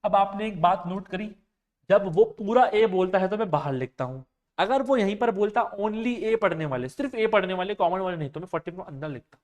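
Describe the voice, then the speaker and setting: A man with a high-pitched voice gives an exam-prep maths lecture. He works through each problem step by step, mixing in terms, and keeps asking his students whether they follow. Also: brisk. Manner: explains step by step, often asks students if they understood. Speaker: maths and reasoning teacher.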